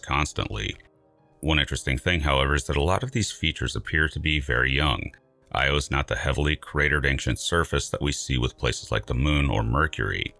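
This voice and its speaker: A man reading scripted science narration in a measured, emphatic, dryly wry way. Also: a bass voice, vocal fry, bright, forceful tone, no room sound, soft background music.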